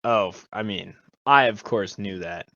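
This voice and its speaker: A man's voice: on the low side, vocal fry, bright, forceful tone, no room sound. Young man bantering playfully. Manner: playful and halting. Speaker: podcast co-host. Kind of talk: casual chat. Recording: dull lo-fi recording.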